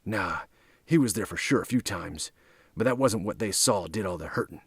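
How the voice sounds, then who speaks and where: A wary thug, as a male reader puts him on, spinning a grim rumor in a hushed, foreboding tone. The voice stays low and soft, dry and close to the mic. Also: lively intonation, normal speed, slightly rough, no room sound.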